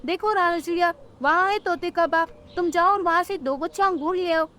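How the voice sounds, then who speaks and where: A woman's voice: very high voice, fairly quick, pushed and bright. A woman voicing a sly, lazy male crow in a cartoon story, who talks in a wheedling, pushy way. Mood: scheming.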